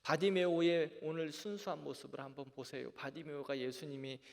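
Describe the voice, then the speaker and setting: Earnest pastor in a reverberant church. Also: male voice, fairly high pitch, steady tone, fairly quick, vocal fry, a little mellow. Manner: earnest, asks the listeners rhetorical questions. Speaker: pastor teaching a Bible class. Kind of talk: Bible lecture to a congregation. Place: church sanctuary.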